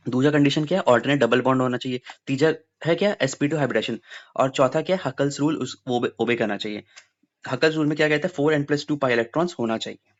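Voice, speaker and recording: A young man coaching students through exam science questions, moving between Hindi and English and going over each point more than once. His voice sits at an ordinary pitch. The recording sounds a little muffled. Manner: lively, mixes Hindi and English, repeats key points.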